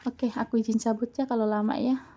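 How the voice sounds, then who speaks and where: Casting: female tarot reader, teasing and talkative, warm higher voice. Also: little pitch movement, fairly quick, slight background noise. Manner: chatty, teasing, laughs often. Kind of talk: casual tarot reading to viewers.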